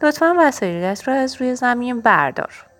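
A woman's voice: fairly high pitch, expressive, a bit bright. A woman reading a storybook, voicing a caring but firm mother talking to her child.

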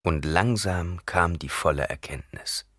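A man reading an audiobook aloud in an expressive, dramatic narration. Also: deep voice, unhurried, dry recording, studio quality. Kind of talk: scripted narration.

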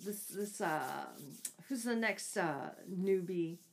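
A woman's voice: fairly low pitch, lively intonation, slow pace, gravelly. A woman co-hosting a casual book discussion, talking hesitantly and trailing off with fillers. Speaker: book podcast co-host.

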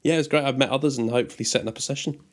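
A man's voice: mid-range voice, steady tone, racing. A young British man co-hosting a podcast, ranting sardonically and swearing often. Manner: sweary, sardonic ranting with mocking put-on quotes. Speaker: podcast co-host. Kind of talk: casual chat.

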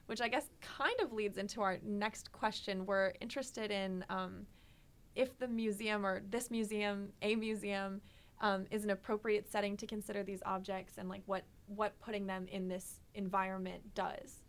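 Woman interviewer, a bit of vocal fry, engaged and chatty with lots of yeahs. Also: medium pitch, steady tone, normal speed. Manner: engaged, frequent short affirmations. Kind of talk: interview conversation.

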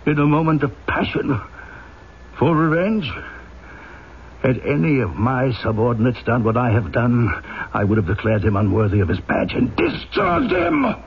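A severe, honour-bound French police inspector in an old-time radio play. His delivery is formal and deliberate, with emphatic self-accusation. The vintage recording is dull and clearly noisy. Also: mid-range voice, sing-song. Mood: stern self-reproach. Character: stern, rigidly honourable French police inspector confessing a fault.

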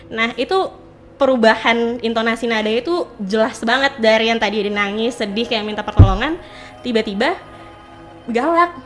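A young adult woman telling a ghost story in casual chat, animated, acting out the quotes with lots of fillers. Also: fairly high pitch, moderate pace, soft background music. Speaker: guest storyteller.

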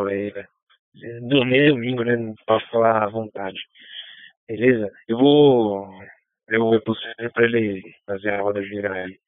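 A man's voice: lowish voice, dry recording. A Brazilian man in casual, rambling chat as a participant on an amateur radio net, heard over the radio. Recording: phone-like narrowband radio audio.

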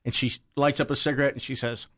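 A man with a medium-pitched voice is a guest on a business interview. He tells stories casually and with a joking manner. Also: flat delivery, fast, a bit bright. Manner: joking, anecdotal. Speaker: guest, company president.

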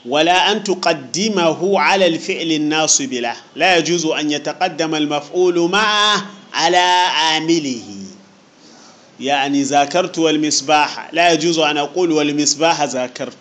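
Patient man teaching grammar to a class, slightly high voice. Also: normal speed, a bit bright. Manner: explains patiently with worked examples, repeats points, checks understanding. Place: teaching room with students present.

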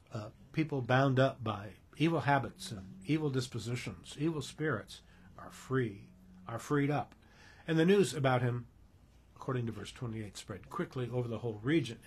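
Guy preaching, kinda husky, keeps rephrasing stuff as he explains the verses. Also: mid-range voice. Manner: explanatory, rephrasing and restating words as he goes. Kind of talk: sermon, expository Bible teaching.

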